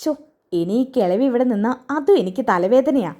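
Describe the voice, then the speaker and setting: A woman's voice: fairly high pitch, expressive, moderate pace, warm tone, lightly acted. A woman voicing a scheming middle-aged mother-in-law who speaks in a sly, grudging way.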